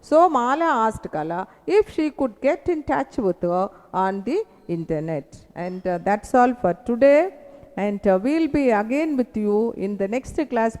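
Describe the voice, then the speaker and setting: A woman with an Indian English accent teaching an English grammar lesson, explaining slowly and often checking that her students follow. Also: a little high, a little mellow, big-room sound. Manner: explains slowly, asks "is that clear?".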